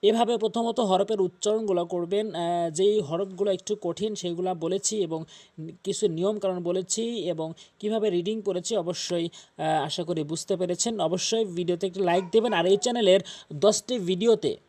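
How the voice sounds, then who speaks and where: Brief: high-pitched male tajweed teacher, patient syllable-by-syllable drilling. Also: a little mellow. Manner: spells out letters and vowel marks slowly, repeats syllables. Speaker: Quran recitation teacher. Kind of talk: step-by-step tajweed lesson.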